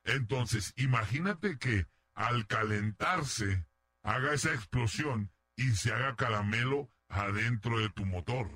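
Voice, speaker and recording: Bright-voiced male co-host on comic radio. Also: mid-range voice, slow pace, no echo.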